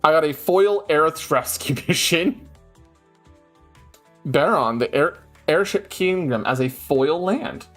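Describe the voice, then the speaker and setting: Soft music runs under this streamer host's slightly high, slow voice as he broadcasts from home. Chatting casually, he reads card rules out loud in lively bursts.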